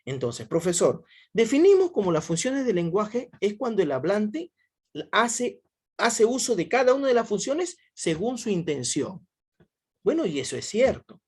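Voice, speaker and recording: A man's voice: sits high, sing-song, normal speed, a little mellow, slightly rough. A male teacher giving a class over a video call, repeating himself often and quizzing his students. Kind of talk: online class lecture.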